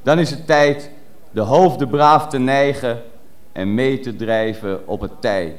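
A man's voice: medium pitch, a little slow. A man reciting a poem in a declamatory, rhythmic way. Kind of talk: poetry recital.

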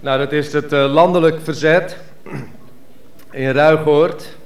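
A man's voice: fairly high pitch, fairly even intonation, takes it slowly. A man performing his own poetry theatrically, switching between characters. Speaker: poet.

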